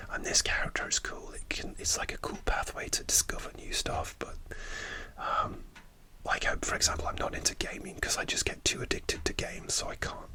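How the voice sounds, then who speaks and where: Close to the mic, a male ASMR creator whispers a meandering, hesitant story, restarting often. His tone comes across as bright and forceful.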